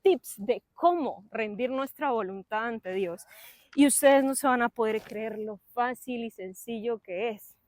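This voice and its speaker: A young adult woman giving a lively, chatty sermon at a church service, with playful asides and acted-out voices of her listeners. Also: a little high, a little slow.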